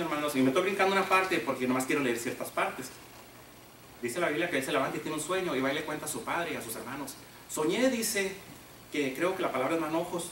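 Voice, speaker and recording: A man's voice: fairly high pitch, a bit bright, a little hiss or hum. A man preaching a sermon, retelling a Bible story and acting out its figures in quoted lines while he keeps calling the congregation "brothers.". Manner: addresses the congregation as brothers again and again. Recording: roomy echo, heard from a distance.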